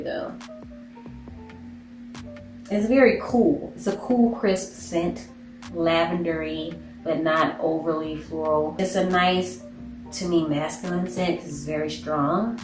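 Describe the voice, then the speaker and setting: Woman vlogger, lowish voice, stuffy nose, rambling casual haul chat; echoey room, faint noise. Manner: chatty, rambling, lots of "like". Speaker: beauty and shopping vlogger.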